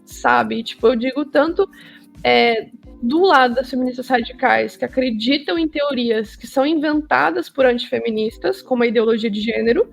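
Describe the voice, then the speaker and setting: A Brazilian woman with a high voice and marked vocal fry talks casually as an interview guest. She is emphatic and slangy, repeating phrases for stress. Faint music sits underneath. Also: moderate pace. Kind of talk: casual opinionated conversation.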